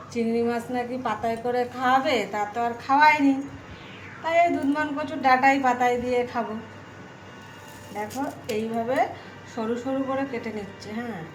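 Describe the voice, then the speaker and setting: Woman, higher pitch, casual cooking chat, homely, questioning asides, echoey room, clear background noise. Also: fairly even intonation, moderate pace, pauses often. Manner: chatty, homely, asking viewers small questions. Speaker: home cooking vlogger.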